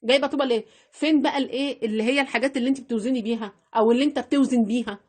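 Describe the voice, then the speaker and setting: A woman's voice: a little high, fairly even intonation, racing, darkish tone. A woman with an Egyptian Arabic accent giving household budgeting tips in a chatty vlog, repeating phrases and talking straight to her viewers. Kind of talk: casual instructional vlog.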